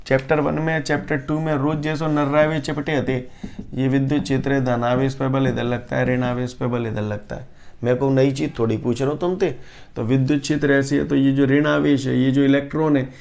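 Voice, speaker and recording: A male physics teacher, lecturing a class, quizzing students and repeating definitions slowly. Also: mid-range voice, vocal fry, a little mellow.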